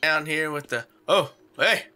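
A man's voice: a little high, measured pace, bright, forceful tone. A man giving let's play commentary on a horror game, muttering to himself and yelping at every scare. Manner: jumpy, yelps and screams at scares. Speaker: gamer playing a horror game.

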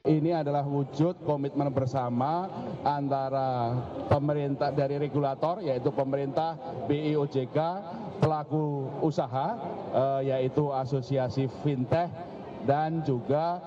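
An older man, a central bank official, answering reporters in a crowded expo hall. He is halting and uses many fillers. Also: mid-range voice, steady tone. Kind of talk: press scrum answer. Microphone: reporters' handheld mics. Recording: dull recording amid crowd.

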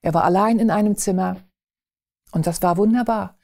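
A woman recounting a personal faith testimony in an earnest, emphatic way, slowing down on key phrases. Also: mid-range voice, creaky, dark tone.

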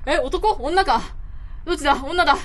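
A young woman doing live game commentary as a streamer, excitable and quick to exclaim. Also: sits high.

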